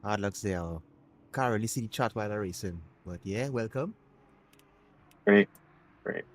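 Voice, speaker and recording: A man streaming a sim race, talking casually to his chat and thinking aloud in short, low-key remarks. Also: brisk. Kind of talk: casual live-stream commentary while racing. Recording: loud race car engine noise. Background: race car engine roar.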